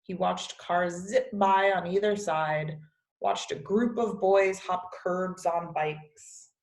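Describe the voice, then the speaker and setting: A woman reading a children's picture book aloud as a teacher, with expressive storybook narration. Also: fairly low pitch, takes it slowly. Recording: echoey, roomy sound.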